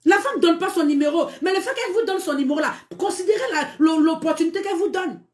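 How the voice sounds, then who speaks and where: A woman's voice: extremely high pitch, lively intonation, quick pace, a little mellow, echoey room. A woman with a Cameroonian French accent hosting a live stream with dating advice, scolding emphatically, repeating herself and laughing as she talks. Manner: emphatic, scolding, repetitive, laughs while talking. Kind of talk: live-stream relationship talk.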